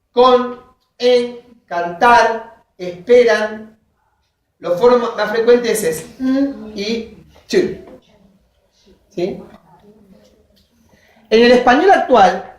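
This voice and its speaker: A lecturer reads from notes in a measured classroom voice, pausing to check that students follow. Examples are spelled out one word at a time. The voice is picked up from well across a very reverberant room. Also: mid-range voice. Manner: dictates from notes, checks in with frequent "¿sí?". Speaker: university linguistics teacher. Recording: very echoey classroom, voice from far off.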